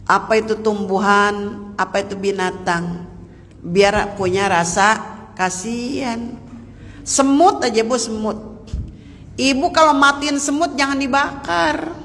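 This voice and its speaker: In a large mosque hall, a preacher gives a folksy sermon to a women's study group, addressing them directly. His high voice is slow and fairly bright, with long pauses, a little hiss or hum, and the long reverb of the hall.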